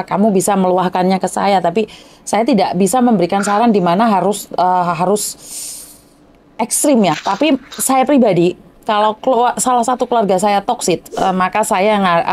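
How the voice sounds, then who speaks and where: A woman hosting a call-in show, listening with steady murmurs and then giving calm personal advice. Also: medium pitch. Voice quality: supportive listener, many murmured "mm".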